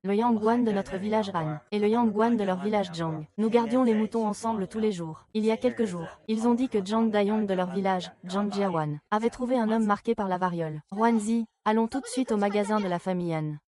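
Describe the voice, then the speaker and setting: A woman's voice: mid-range voice, brisk, hardly any pauses, close to an everyday voice. A woman dubbing dialogue for a family drama with an emotional delivery. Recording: loud crowd noise behind.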